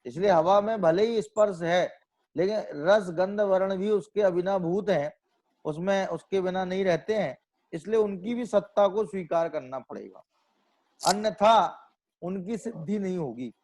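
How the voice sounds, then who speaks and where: Male scripture lecturer, slightly higher voice, works through points with rhetorical questions and repetition. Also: measured pace, darkish tone. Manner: asks rhetorical questions and answers them himself; repeats and restates phrases as he reasons aloud. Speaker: Jain scholar lecturing on scripture. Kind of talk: explanatory religious lecture.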